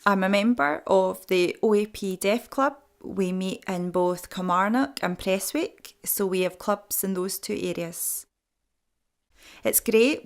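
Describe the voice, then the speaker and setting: Woman voicing a translation for deaf signers, steady, even, middle pitch. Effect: translation voice-over for deaf signers. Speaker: sign language interpreter. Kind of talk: first-person interpreted speech.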